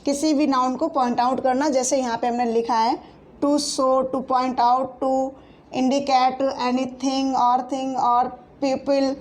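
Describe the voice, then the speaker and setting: A woman with a high voice teaches a grammar lesson. She explains patiently, repeating each point and correcting her own slips as she goes. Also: flat delivery. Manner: explains slowly, repeats with frequent fillers and self-corrections.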